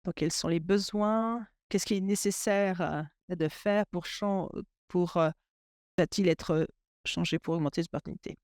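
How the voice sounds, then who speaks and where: A man interpreting a webinar panel discussion into French in real time, halting and often restarting his sentences. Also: high-pitched, a little mellow, no room sound, studio quality. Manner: halting, with frequent restarts and fillers. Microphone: remote webinar audio.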